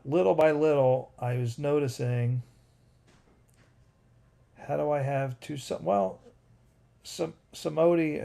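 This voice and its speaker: A man in his fifties talks on a casual home livestream. His voice is gravelly and dark. He rambles through an old story and keeps stopping to say hi to viewers in the chat. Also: medium pitch. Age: 50s. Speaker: livestream host.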